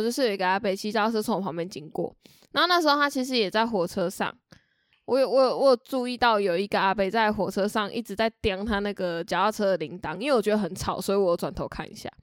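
A young woman from Tainan with a Taiwanese Mandarin accent tells a story in a casual podcast chat. She is animated, laughs often and repeats words as she talks. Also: mid-range voice, dry recording, clean studio sound. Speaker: podcast co-host.

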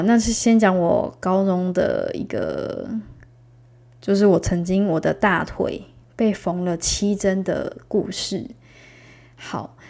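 A woman's voice: mid-range voice, mellow. A young woman with a Taiwanese Mandarin accent telling a personal story in a casual monologue, laughing now and then and acting out the voices of the people she quotes.

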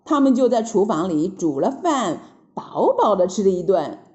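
A woman telling a classic children's story in an animated, lilting, drawn-out way. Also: mid-range voice. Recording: roomy, dull lo-fi recording.

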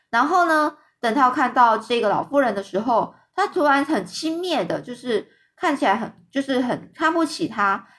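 A woman storyteller with a high voice reads a children's fairy tale. She keeps it loose and chatty, trailing fillers and restarting her phrases as she goes. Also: fairly bright tone. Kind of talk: reading a children's story aloud.

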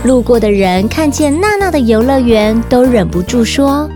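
A children's podcast host, she speaks with a Taiwanese Mandarin accent in a voice on the high side, animated and moderately paced, while music plays underneath. Her storytelling narration is aimed straight at little listeners, in the manner of a kids show host.

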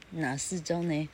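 A woman's voice: lowish voice, fairly bright tone, slight background noise. A woman teaching grammar in a casual, rambling way, spelling words out letter by letter. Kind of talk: casual spoken lesson.

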